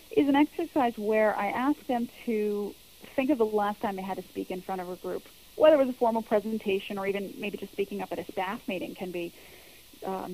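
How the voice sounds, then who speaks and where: An earnest woman speaks as a public speaking coach, laying out her method step by step. She explains patiently and comes back to her key phrases to drive them home. Her voice sits at an ordinary middle pitch. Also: darkish tone, low-quality recording. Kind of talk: interview answers.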